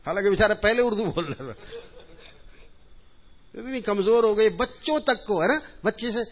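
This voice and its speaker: A man's voice: high voice, lively intonation. A man giving an informal religious talk in a mosque, telling humorous anecdotes in a chatty way and chuckling at his own jokes. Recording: dull lo-fi recording.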